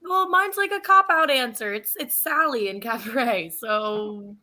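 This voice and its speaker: A woman chatting as a cast member on a theatre show, laughing easily. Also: fairly high pitch. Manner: slow, lively, laughing. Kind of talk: casual chat.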